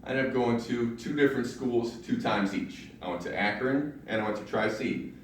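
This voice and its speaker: A deep-voiced young man from Ohio, USA, delivers a prepared personal speech at a public speaking club, telling stories with punchlines and self-deprecating jokes at a moderate pace. He's in a large library meeting room that is very echoey, recorded from afar on a distant mic with a little hiss or hum.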